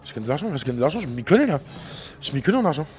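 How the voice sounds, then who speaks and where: Rowdy, excitable man streaming, wildly swinging pitch. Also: very fast, faint music behind. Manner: rowdy and excitable, bursting into loud shouts and repeated exclamations. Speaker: casino game livestreamer. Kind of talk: live gambling stream commentary.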